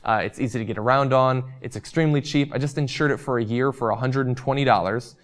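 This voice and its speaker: A man's voice: medium pitch, steady tone, fast. A young man hosting a show and chatting casually through viewer comments, losing his voice, with frequent ums and uhs. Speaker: host.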